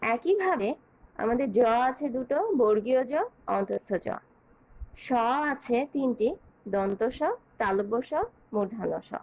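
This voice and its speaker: A woman teacher giving an online grammar lesson, speaking in a measured, clear way as she lists points and spells out examples. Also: on the high side, darkish tone, low-quality recording.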